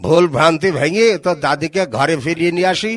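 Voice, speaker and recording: Man acting a flustered Bangladeshi grandpa, high-pitched. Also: fast, close to an everyday voice. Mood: flustered, plaintive. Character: flustered grandfather pleading about his upset wife. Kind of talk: comic advertisement skit.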